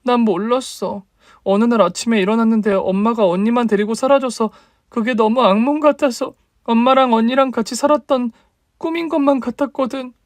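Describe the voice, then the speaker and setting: A man's voice: very high-pitched, fairly quick, dry recording, pitched above the performer's own voice. A man voicing a hurt young woman, the younger sister and a new mother, in a radio drama reading, talking with earnest, wounded questions.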